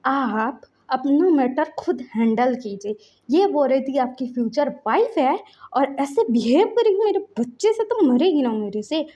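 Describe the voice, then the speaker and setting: A woman voicing a furious, protective young man who shouts vengeful threats in a fan-story reading. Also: sits high, animated, a little slow, highs cut off. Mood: cold threatening.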